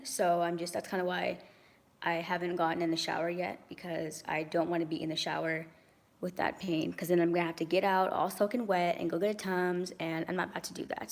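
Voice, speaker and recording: This casual vlog rant comes from a young woman indoors, moving through her large kitchen and rooms with her phone held out at arm's length. She speaks on the low side in a voice made hoarse and raspy by acid reflux, chatting away with frequent ums, likes, and swearing.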